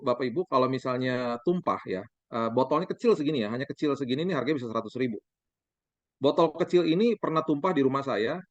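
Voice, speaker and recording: Man preaching with lively storytelling. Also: mid-range voice, dry recording. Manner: lively storytelling, acting out dialogue with the congregation. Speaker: pastor. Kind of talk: sermon. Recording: dull, dry sound.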